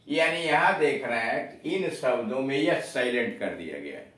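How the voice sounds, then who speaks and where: A man's voice: medium pitch, expressive, moderate pace, fairly bright tone. A man teaching an English lesson, spelling out each word letter by letter and then giving its meaning. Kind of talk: spoken language lesson. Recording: echoey room from far off.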